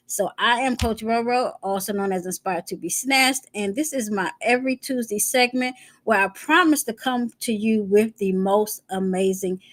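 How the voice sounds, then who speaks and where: A woman hosting her weekly live stream, casual and emotional, close to tears as she introduces a guest. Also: on the high side. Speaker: host.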